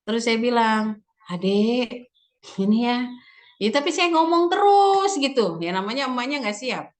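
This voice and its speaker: A woman religious teacher speaking to parents at a seminar, her voice sitting a little high. She tells lively family stories, often acting out her children's words. She laughs readily as she talks. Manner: often laughs while talking.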